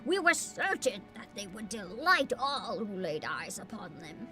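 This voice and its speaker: A woman's voice: mid-range voice, lively intonation, over music, voice pushed down, close to an everyday voice. Woman putting on a courtly, troubled old man. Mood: earnest, troubled. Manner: courtly, archaic, measured phrasing. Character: formal old man, a festival delegate asking for help.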